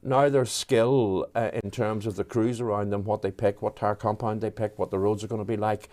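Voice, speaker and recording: Man, rally co-commentator, lower voice, chatty, enthusiastic. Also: steady tone, moderate pace, darkish tone. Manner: chatty, enthusiastic, stumbling on words. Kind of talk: live sports commentary.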